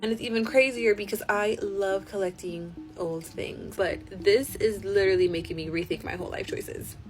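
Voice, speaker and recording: Woman, medium pitch, casual spooky storyteller, conversational, animated, suspenseful drawn-out words, background music. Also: poor audio. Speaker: host reading follower-submitted spooky stories. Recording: music behind the voice.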